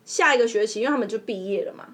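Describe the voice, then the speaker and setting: A woman with a Taiwanese Mandarin accent, co-hosting a podcast and telling a story in a casual, animated way, laughing as she goes. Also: a little high, very fast. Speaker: podcast co-host.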